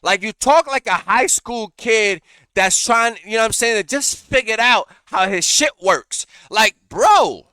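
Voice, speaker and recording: Slangy, animated young man reacting. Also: sits high, unhurried, clear, resonant tone, no echo, studio quality. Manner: animated, slangy, repeats himself. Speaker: reaction streamer. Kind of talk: casual reaction commentary.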